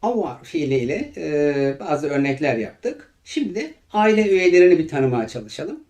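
A man teaching French vocabulary in Turkish, with a Turkish accent, who repeats each example phrase slowly and carefully. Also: a little high, very animated, darkish tone. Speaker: language teacher.

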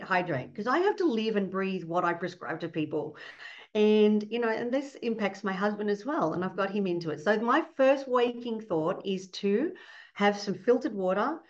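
Speaking from her home office on a video call, a middle-aged Australian woman with a mid-range voice appears as a fertility doctor guest in a casual interview. She is earnest and warm, often laughing as she explains, and the laptop webcam mic gives a dull, lo-fi sound.

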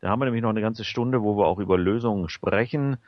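A man's voice: lowish voice, quick pace, no echo. A man hosting a radio talk show, speaking casually with many hesitations and fillers. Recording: dull lo-fi sound.

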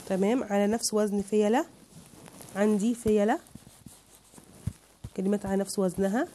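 An Egyptian woman teaches a lesson, patiently breaking words into syllables for her pupils. Her voice is mellow and warm. A faint hiss sits behind her. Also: medium pitch, steady tone, normal speed. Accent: Egyptian Arabic. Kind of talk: online lesson.

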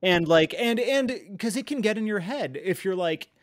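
A man with a somewhat high speaking voice talks candidly as a guest. He rambles through his thoughts, leaning on "like" and "you know," yet stays earnest and reflective throughout. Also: animated, moderate pace. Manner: rambling, filler-heavy, frequent 'like' and 'you know'. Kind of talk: candid conversational chat.

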